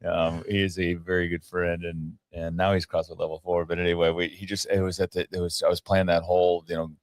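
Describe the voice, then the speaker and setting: A man's voice: sits low, little pitch movement, fairly quick, no room sound, clean studio sound. A man hosting a casual podcast chat, telling rambling stories with frequent laughs and restarts. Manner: rambling storyteller, laughs often, many restarts. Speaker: podcast host.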